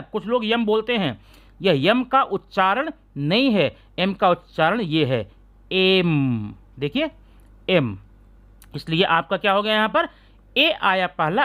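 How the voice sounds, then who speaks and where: Man, grammar teacher, lively, rising and falling delivery, drawn-out letter sounds, rhetorical check questions. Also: high-pitched. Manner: keeps asking students rhetorical check questions; sounds out letters slowly and deliberately. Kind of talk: classroom-style lesson explanation.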